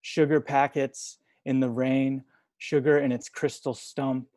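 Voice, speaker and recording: A young man reading poetry over a video call from home, soft-spoken and hesitant between poems. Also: medium pitch, level tone, measured pace, no room sound. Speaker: poet reading at a livestream.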